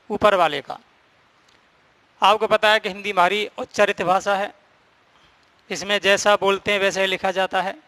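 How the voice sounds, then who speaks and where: Bright, clear-voiced male Hindi teacher. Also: sits high, dry recording. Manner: explains step by step, repeats and stresses key points. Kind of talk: classroom grammar lesson.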